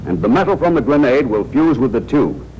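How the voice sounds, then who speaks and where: An American man narrates a 1940s military training film, addressing soldiers directly in a tough, wry, slangy way. His mid-range voice swings widely in pitch and moves a little fast, with lo-fi sound on a noisy 1940s film soundtrack.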